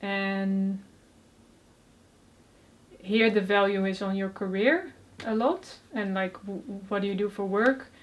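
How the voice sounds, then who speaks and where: With slight background noise, a young Dutch woman from the Netherlands speaks slowly at a medium pitch, leaving long pauses. She's a soft-spoken guest in a casual interview who stutters on first sounds, uses many fillers and laughs often.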